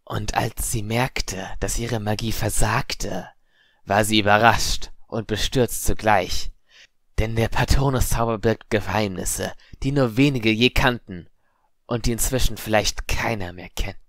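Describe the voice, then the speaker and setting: A man putting on a cold, menacing voice that speaks from the shadows, hissing each word slowly and deliberately. It sits rather low, recorded close and dry in an audiobook reading. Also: no room sound. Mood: scornful. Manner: slow, hissing, quietly threatening. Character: eerie unseen whispering voice, cold and menacing.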